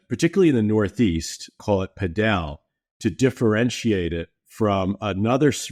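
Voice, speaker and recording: A middle-aged man talking easily as a podcast guest, explaining at length in a relaxed way. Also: on the low side, no echo, clean studio sound. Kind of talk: casual interview talk.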